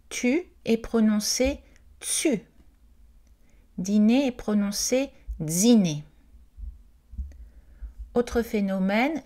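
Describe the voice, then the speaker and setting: A woman's voice: medium pitch, darkish tone. A woman reading an informational presentation aloud, carefully and with the odd hesitant aside. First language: not Quebec French.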